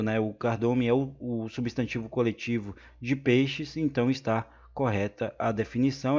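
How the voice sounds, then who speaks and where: A man's voice: medium pitch, darkish tone. A man with a Brazilian Portuguese accent teaching an exam-prep grammar lesson, repeating each point and checking in with viewers. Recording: slightly dull lo-fi sound.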